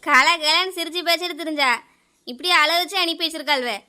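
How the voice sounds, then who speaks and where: A woman's voice: sits high, a little fast, sharp tone. A woman with a Kanyakumari Tamil accent voicing a village woman in a cartoon, scolding her neighbours. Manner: scolding, confrontational. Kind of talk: cartoon voice acting.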